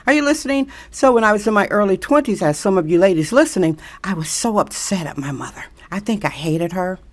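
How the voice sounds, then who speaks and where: A woman's voice: on the low side, animated, a little fast. Middle-aged woman lecturing with repeated questions. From Milwaukee, Wisconsin. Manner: preachy, emphatic, repeats rhetorical questions. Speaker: social media commentator. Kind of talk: direct-to-camera monologue.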